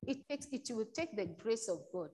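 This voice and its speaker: A woman preaching a sermon in a loose, conversational way, often restarting and saying "you know", and she pushes certain points out louder. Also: a little high, animated, normal speed, poor audio.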